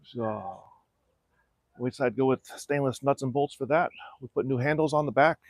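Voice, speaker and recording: A middle-aged man from South Florida, hosting a casual livestream from his backyard and explaining, in a relaxed and practical way, how he is restoring a small boat. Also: medium pitch, normal speed, creaky, no room sound. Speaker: channel host restoring a boat. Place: backyard outdoors.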